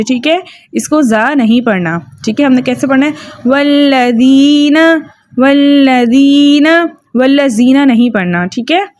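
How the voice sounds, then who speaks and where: A woman's voice: fairly high pitch, no echo, clean studio sound. A woman teaching Quran recitation rules step by step, often checking in with her listeners. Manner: explains rules step by step, often asks "ठीक है?". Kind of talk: tajweed lesson with recited examples.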